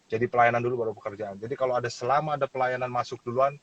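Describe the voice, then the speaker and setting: Husky lively man telling a story. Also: medium pitch, very fast, dry recording, muffled recording. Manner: animated storyteller, laughs and acts out quotes. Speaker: pastor. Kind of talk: casual testimony in a talk show.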